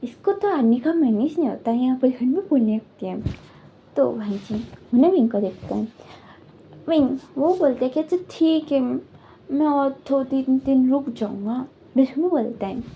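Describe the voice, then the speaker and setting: A woman's voice: high-pitched, lively intonation, normal speed. Rambling woman retelling a fan story. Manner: rambling, heavy filler words. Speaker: fan fiction narrator. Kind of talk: casual storytelling recap. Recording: dull lo-fi with faint noise.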